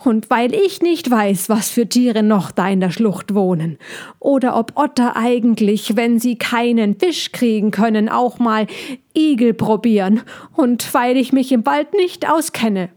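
A woman reading a children's story aloud, voicing a small male hedgehog who is anxious and scolds a lot, in a raised, excited voice. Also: unhurried. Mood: agitated. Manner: high, agitated and scolding.

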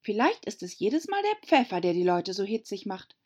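A woman's voice: mid-range voice, big pitch swings, moderate pace, darkish tone, voice pushed up. A woman voicing Alice, a polite and thoughtful young girl, speaking earnestly. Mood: musing.

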